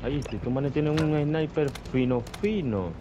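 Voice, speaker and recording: A man's voice: on the high side, unhurried, muffled recording. A man with a Panamanian Spanish accent chatting casually and profanely as he plays a video game. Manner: slangy, profane. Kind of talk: casual gaming chat. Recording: loud gunfire and game noise.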